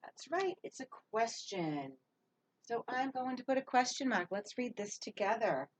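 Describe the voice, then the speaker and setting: A woman teaching young children to read sentences and write letters, speaking clearly and encouragingly, drawing out her words. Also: fairly high pitch, animated, unhurried. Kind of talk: early reading and handwriting lesson for young children.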